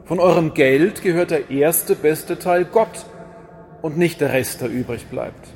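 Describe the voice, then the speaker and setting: A man preaching a sermon in a lively, rhetorical manner, with wry asides and repeated refrains. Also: fairly high pitch, measured pace, a little hiss or hum.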